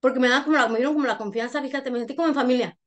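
A Mexican woman with a Mexican accent, a guest telling her life story in an interview, animated and frank, acting out what others said. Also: sits high, rapid-fire. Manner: animated storyteller who acts out other people's lines; frank, uses crude slang.

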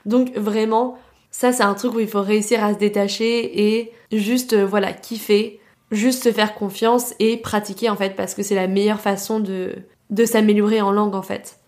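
A woman's voice: medium pitch, little pitch movement, moderate pace, darkish tone. A young woman from France hosting a casual solo podcast, talking in a chatty, slangy way full of filler words. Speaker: podcast host.

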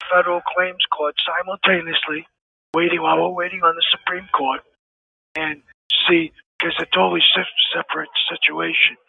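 A man's voice: sits high, gravelly, slightly rough, no echo. A man calling in from prison over a phone line, talking earnestly and stressing his points by repeating them. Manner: earnest, emphatic, repeats key phrases. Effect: heard over a prison phone line. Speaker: caller, an inmate phoning in. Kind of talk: phone interview.

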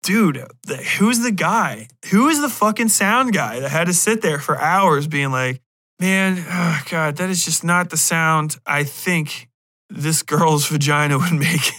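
A man hosting a podcast talks a little slowly in a slightly high voice, rambling through a casual review with blunt swearing. He throws in animated jokes, acting out imagined comments. Clean studio sound, no echo.

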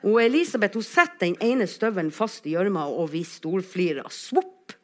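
A woman tells a personal story in an animated, theatrical way, with her voice rising and falling widely. She speaks at a medium pitch and acts out the quoted moments with bursts of volume. She has the ease of a seasoned actress telling a tale. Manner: animated, acts out quotes with big shifts in loudness.

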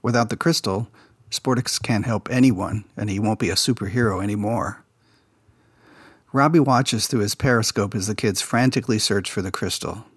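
A man hosting a podcast casually recaps a children's TV episode, sharing behind-the-scenes production stories in a relaxed insider manner. His lowish voice, slightly rough and at normal speed, is recorded dry with studio quality.

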